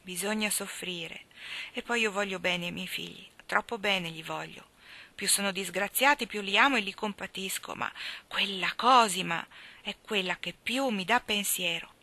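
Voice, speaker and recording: A woman's voice: mid-range voice, moderate pace, bright, forceful tone. A woman reading aloud voices a worried widowed mother who laments her sons in an anxious, pleading way. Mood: lamenting.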